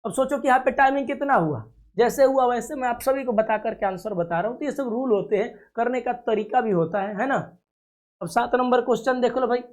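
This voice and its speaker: In a very high-pitched, slightly mellow voice, a man runs a reasoning class for a coaching video. He speaks with confidence, guarantees results, and coaxes the students, whom he calls dear children, with frequent checks of "clear?"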